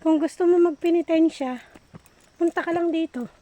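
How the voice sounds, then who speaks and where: A woman's voice: very high voice, moderate pace, warm tone. A woman travel vlogger chatting casually as she walks a long outdoor stairway, pointing things out to viewers on a handheld phone. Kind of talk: casual on-the-go vlog narration.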